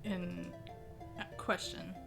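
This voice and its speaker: A female player chats casually during a tabletop game. Her voice is on the low side, with music clearly audible behind it. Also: flat delivery, takes it slowly.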